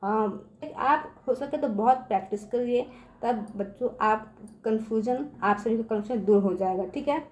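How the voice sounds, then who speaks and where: Patient woman teacher, high voice. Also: darkish tone. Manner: repeats "theek hai" constantly, patient and drawn-out; addresses viewers as children. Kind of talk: spelling lesson for children.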